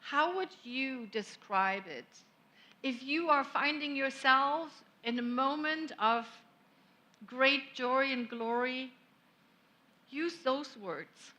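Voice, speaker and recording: A German-speaking woman minister gives a slow, gentle sermon in a church sanctuary, her voice somewhat high. She sounds reflective and unhurried, leaving long pauses.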